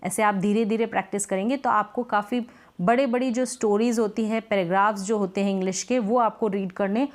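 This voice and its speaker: A woman's voice: medium pitch, steady tone, brisk. A woman teaching beginners to read English, patiently repeating each point and asking herself rhetorical questions. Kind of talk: explaining phonics lesson in Hindi.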